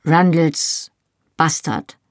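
A woman's voice: deep voice, expressive, a little slow, breathy edge, no room sound, clean studio sound, full character voice. A woman reading the part of a fierce young woman who speaks sharply and sarcastically.

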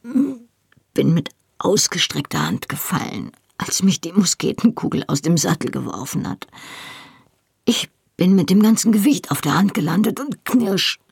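A reader voicing a young, good-natured Highland man in an audiobook, speaking through the pain of a wounded shoulder. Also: very animated, measured pace, gravelly, husky, no room sound, clean studio sound, full character voice. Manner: pained but good-natured.

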